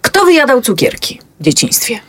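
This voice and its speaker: A woman's voice: on the high side, big pitch swings, normal speed, fairly bright tone. A woman hosting a casual interview, playful and teasing with her guests. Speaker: host.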